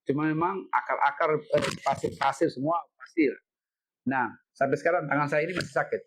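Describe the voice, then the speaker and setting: A middle-aged man, a guest telling a story in an interview, animated, repeating himself and ending lines with "Pak". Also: on the high side, a little fast, a little hiss or hum. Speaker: head of city education office, guest.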